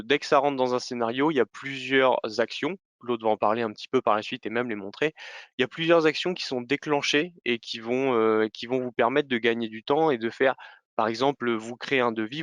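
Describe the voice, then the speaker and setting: A man hosting a business webinar, laying out the product's benefits before handing over to his co-presenter. His voice is smooth and resonant at a medium pitch, and he keeps correcting himself between fillers. The recording is dry. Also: no echo, lo-fi sound. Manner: hesitant, many fillers, self-corrections. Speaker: webinar host.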